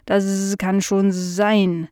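A woman voicing a forgetful, slow-witted male house fly who draws out his words, in a children's audio story. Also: mid-range voice, flat delivery, mellow, no echo, clean studio sound. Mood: puzzled. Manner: very slow, drawn-out, puzzled.

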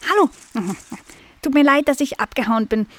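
A woman's voice: high-pitched, animated, normal speed, voice pushed up. A woman voicing a chatty little female squirrel in a children's story. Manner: casual, chatty.

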